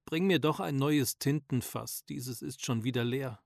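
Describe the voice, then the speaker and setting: A man's voice: medium pitch, a little slow, creaky, no echo, studio quality. A man voicing a frail, fluttery old father. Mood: tender. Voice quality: thin, fluttery voice. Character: frail elderly father, gentle and devout. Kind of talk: audiobook character voice.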